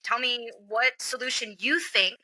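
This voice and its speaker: Bright, lively woman telling stories. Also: on the high side, a little slow, dry recording, rough recording. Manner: animated storyteller, acts out quoted voices; frequent "like" and "um" fillers. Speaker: comics industry guest. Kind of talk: casual interview chat.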